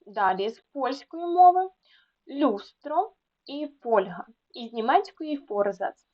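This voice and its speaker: A woman tutor explaining a lesson to students, repeating words slowly to contrast where the stress falls, with small fillers between them. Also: high voice, very animated. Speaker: Ukrainian language tutor. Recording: dull lo-fi sound.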